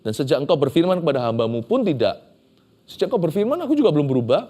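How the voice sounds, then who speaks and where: A man's voice: a little high, big pitch swings, racing, mellow, pitched above the performer's own voice. A man voicing the prophet Moses as a reluctant, pleading figure making excuses.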